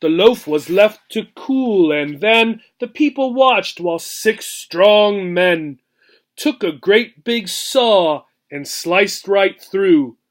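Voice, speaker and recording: Slow, high-voiced man reading a storybook. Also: expressive. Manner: checks understanding with "right?". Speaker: teacher reading aloud to English learners. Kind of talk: expressive rhyming storybook narration with simple explanatory asides.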